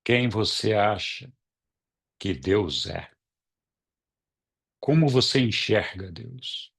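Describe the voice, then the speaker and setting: A man in a casual group discussion, speaking calmly and reflectively and posing questions to the listener. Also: fairly low pitch, very slow, creaky, slightly rough. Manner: calm, reflective, asks questions. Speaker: study group member leading the turn-taking.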